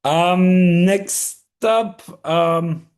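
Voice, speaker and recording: A man's voice: sits high, extremely slow, a little mellow. A man hosting a live feedback session on a video call, talking casually with many fillers and restarts. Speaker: DJ giving track feedback.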